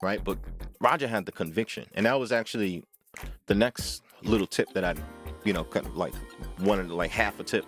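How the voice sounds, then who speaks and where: A talkbox player hosts an informal music tutorial, talking to camera in a fairly low, fairly bright voice. He speaks emphatically, repeats phrases, and keeps checking for agreement with a quick "right?".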